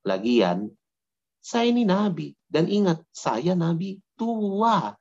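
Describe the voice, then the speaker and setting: A man's voice: lowish voice, normal speed, darkish tone, voice pushed down, close to an everyday voice. A man voicing a smug, persuasive old male prophet who talks in a chummy, casual way, calling his listener bro. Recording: dull lo-fi sound.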